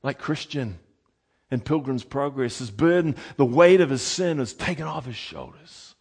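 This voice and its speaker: A man preaching a sermon with passion, moving from loud exhortation to hushed tones. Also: medium pitch, expressive, normal speed, breathy edge.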